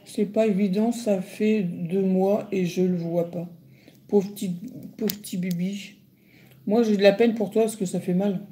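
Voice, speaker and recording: A woman's voice: mid-range voice, fairly even intonation, moderate pace, hardly any pauses, mellow, a little hiss or hum. A middle-aged woman chatting casually on a phone livestream, answering viewers with lots of hesitant fillers. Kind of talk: casual live chat reading comments.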